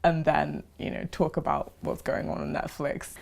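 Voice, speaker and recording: Low, gravelly young woman. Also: sing-song, normal speed, a little mellow. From London. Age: young adult. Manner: bubbly, laughs while talking. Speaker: university student. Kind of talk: casual interview testimony.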